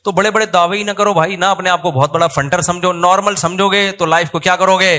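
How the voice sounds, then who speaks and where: A man with a Pakistani Urdu accent preaches a sermon to a seated audience. His voice sits a little high for a man. He talks in a casual, humorous way and acts out the words of the people in his stories. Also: fairly even intonation, a little fast, sharp tone. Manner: conversational, humorous storytelling with acted quotes. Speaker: Islamic preacher.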